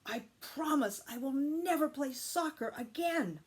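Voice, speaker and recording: A woman's voice: sits high, animated, unhurried, voice pushed up. A woman voicing a rueful, mischievous young boy rabbit from a children's storybook. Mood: remorseful. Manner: sorrowful, joking.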